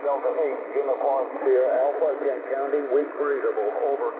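A man's voice: medium pitch, fairly even intonation, fairly quick. An amateur radio operator, a man, chatting casually during a check-in over a two-way radio transmission. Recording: noisy, tinny radio channel.

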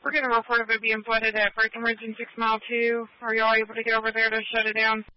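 A woman working as a fire dispatcher, giving clipped, rapid calls over a two-way radio transmission. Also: fairly high pitch, completely flat delivery, clean tone, dry recording. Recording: muffled, dry scanner radio audio.

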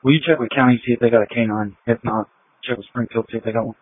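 A man's voice: medium pitch, steady tone, racing, husky, no echo. A male police officer making clipped requests over police radio. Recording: tinny narrowband police radio transmission.

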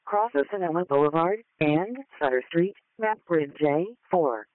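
A male emergency dispatcher on a radio channel, calling out a medical call in a steady, clipped way and repeating it word for word. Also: on the high side, measured pace. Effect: crackly police and fire radio transmission. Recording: tinny radio band, dry.

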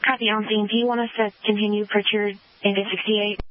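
Rapid-fire woman fire dispatcher over radio. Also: mid-range voice, level tone. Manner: brisk, clipped radio read-backs. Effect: two-way radio transmission. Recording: muffled radio audio with faint hiss.

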